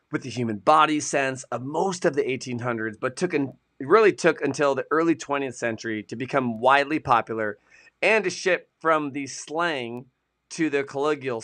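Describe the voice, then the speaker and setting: A man's voice: medium pitch, normal speed, a bit bright. A man co-hosting a casual live-stream, chatting and joking as he reads idiom history from his sources. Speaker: co-host of a produce industry show.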